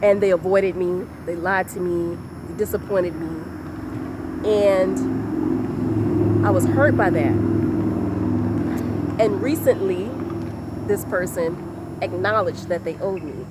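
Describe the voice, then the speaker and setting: A woman giving a motivational talk in a deliberate, repetitive, emphatic way. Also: fairly low pitch, heavy background noise. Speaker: motivational speaker.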